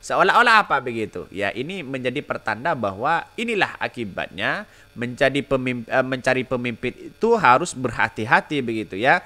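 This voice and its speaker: A man's voice: medium pitch, big pitch swings, normal speed, sharp tone. A man hosting a solo political commentary podcast, talking in a mocking tone and tagging nearly every phrase with filler. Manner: mocking, with repetitive filler tags.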